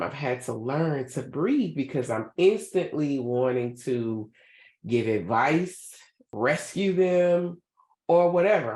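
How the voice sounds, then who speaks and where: A woman's voice: a bass voice, darkish tone, reverberant. A woman co-hosting an advice podcast in a casual, loose, conversational way. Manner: conversational, loose with many fillers. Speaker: podcast co-host.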